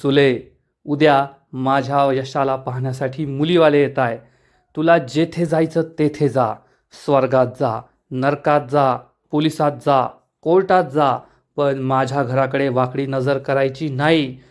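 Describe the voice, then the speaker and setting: A man voicing a threatening middle-aged village man who gives slow, menacing warnings. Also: medium pitch, steady tone, close to an everyday voice.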